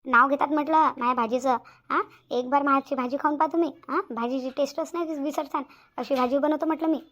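A woman voicing cartoon characters in a fast, chatty, complaining way. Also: high-pitched, steady tone, a bit bright. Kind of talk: Marathi cartoon voice acting.

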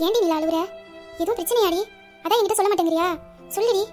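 A woman voicing a pushy young best friend, very high voice. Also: fast, darkish tone, soft background music. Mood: coaxing. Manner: insistent, probing questions. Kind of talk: audio story reading.

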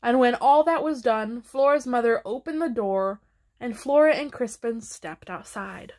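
A woman reads a children's picture book aloud at an unhurried pace. Her voice sits a little high and stays gentle and expressive throughout. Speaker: storybook reader.

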